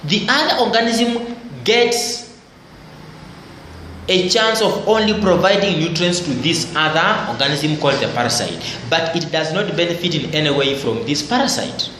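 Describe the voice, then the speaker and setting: A man giving a biology lesson, explaining slowly and restating his points. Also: on the high side, animated, bright, forceful tone. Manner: repetitive explanatory teaching, phrases restated for emphasis. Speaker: teacher. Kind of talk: biology lecture. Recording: very echoey room, faint background noise.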